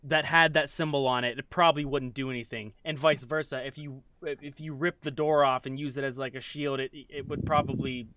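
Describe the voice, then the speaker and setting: A man's voice: medium pitch, steady tone, fairly quick, hardly any pauses, fairly bright tone. A man running a tabletop game as game master, talking casually with frequent restarts. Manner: casual, hesitant, restarts often.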